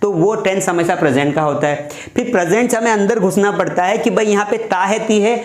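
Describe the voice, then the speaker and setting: A man delivers a classroom grammar lesson, his voice sitting a touch high. He walks through the rules step by step and drills example after example. The sound carries a noticeable room echo. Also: brisk. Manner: explains step by step, repeats examples. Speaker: English teacher.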